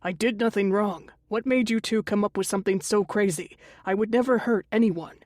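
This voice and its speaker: A woman reading an audiobook voices a sly middle-aged uncle who talks in a smooth, wheedling, wry way. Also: medium pitch, fairly quick, darkish tone, no room sound, studio quality, close to an everyday voice.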